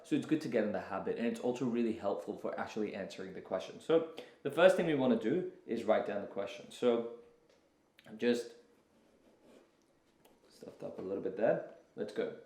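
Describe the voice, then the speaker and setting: A young man who talks students through exam questions in a relaxed, chatty way, with plenty of fillers and restarts. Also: lowish voice, fairly quick, reverberant. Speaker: tutor. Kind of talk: casual tutorial.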